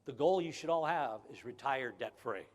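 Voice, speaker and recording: A man's voice: medium pitch, lively intonation, moderate pace. An older man giving a humorous graduation speech, folksy and emphatic, often repeating key phrases. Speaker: graduation speaker. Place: large ceremony hall. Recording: long hall reverb.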